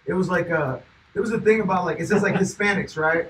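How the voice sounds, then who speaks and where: High-voiced rambling podcast guy. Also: fast talker, distant mic, low-quality recording. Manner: rambling, laughs through stories. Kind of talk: casual podcast banter. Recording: voice a bit off-mic with faint room noise.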